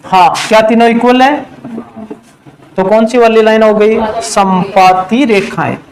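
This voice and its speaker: A male math teacher giving a classroom lesson, quizzing his students and answering his own questions, and drawing out the key terms slowly. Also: high voice, steady tone, a little mellow, slight background noise, rough recording. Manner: slows to a drawn-out pace on key terms.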